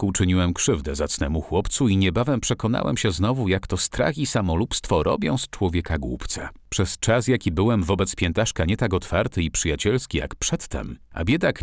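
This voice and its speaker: A man reads an adventure audiobook in an expressive storytelling manner. His voice is lowish and his pitch moves in a lively way. The recording is dry and close. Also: gravelly, no echo. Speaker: audiobook narrator. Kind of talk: scripted audiobook narration.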